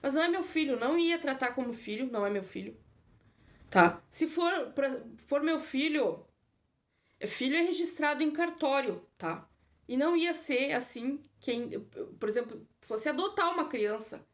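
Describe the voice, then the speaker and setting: A woman's voice: high voice, lively intonation, normal speed. A woman giving a blunt, casual opinion monologue as a vlogger, often adding filler tags.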